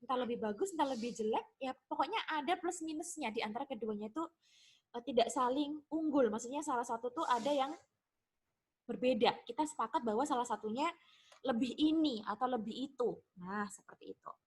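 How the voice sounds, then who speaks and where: A woman's voice: fairly high pitch, a little fast, a little mellow, husky. A young woman teaching English grammar in a casual online lesson, chatty and repeating examples with frequent tag questions.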